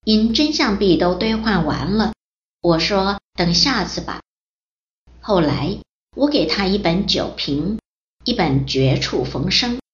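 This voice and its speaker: A woman reading a first-person testimony aloud in a steady reading voice. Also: medium pitch, slow pace. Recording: roomy, dull lo-fi recording.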